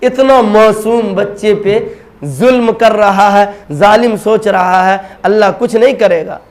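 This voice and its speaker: Brief: a male preacher, high-pitched, emphatic storyteller who calls out to his listeners. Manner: emphatic, addresses the audience directly. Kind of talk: dramatic sermon storytelling.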